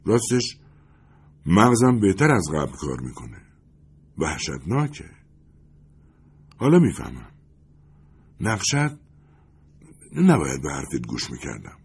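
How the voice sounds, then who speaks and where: A man with a husky voice voicing a dejected, irritable man who answers with weary impatience. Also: a bass voice, wildly swooping pitch, long pauses, full character voice. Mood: impatient. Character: gloomy, irritable man regretting his choices.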